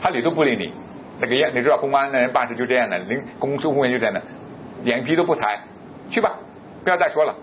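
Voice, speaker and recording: A middle-aged man from southern China preaching a sermon, telling a personal story with animated delivery and acting out the dialogue. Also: racing. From Guangzhou area of southern China. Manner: emphatic, sudden jumps in pitch and loudness. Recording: muffled recording with faint low rumble.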